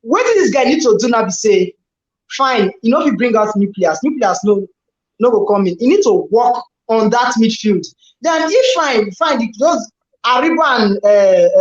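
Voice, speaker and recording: A man's voice: very high voice, lively intonation, moderate pace. A man with a Nigerian accent talks through a football match as a guest pundit, hammering his points home by saying them twice. His voice sits in a roomy, echoing space, and the recording sounds dull and muffled. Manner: emphatic, repeats phrases for stress. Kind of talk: casual match analysis and mock commentary.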